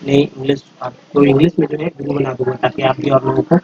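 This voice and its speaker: A man's voice: mid-range voice, level tone, fast talker, lo-fi sound, crowd noise. A man giving a patient, step-by-step pronunciation lesson over slides, going through example after example. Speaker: English teacher.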